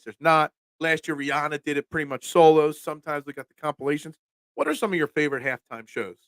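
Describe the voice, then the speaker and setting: Slightly high and a bit bright, this dry-recorded man's voice belongs to a solo sports talk host in his forties with a Philadelphia accent. He rambles, restarts with stammers as he reads chat, and keeps up chatty asides to viewers.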